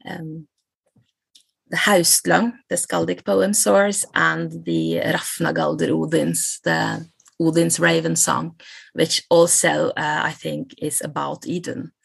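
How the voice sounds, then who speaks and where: Her voice is low, level, gravelly and slightly rough, and she speaks slowly with no room sound. She's a middle-aged Norwegian lecturer on Norse myth, a guest in a casual interview speaking accented English, pausing thoughtfully, restarting often and laughing.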